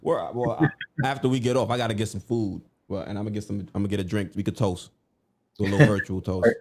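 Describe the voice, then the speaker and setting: A man co-hosting a live sports stream, chatting casually and reading out viewer comments in a relaxed, conversational way. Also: fairly low pitch, fast. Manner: laid-back, conversational, lots of fillers. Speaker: co-host of a live sports show.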